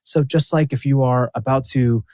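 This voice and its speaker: A man's voice: mid-range voice, fairly even intonation, moderate pace, a little mellow, dry recording. A man talks as a guest on a podcast, earnest and motivational, pressing his points with emphasis and frequent restarts. His voice sits in an ordinary middle range. The sound is dry and close, with no room around it. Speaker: podcast guest, former racing athlete. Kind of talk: casual interview conversation.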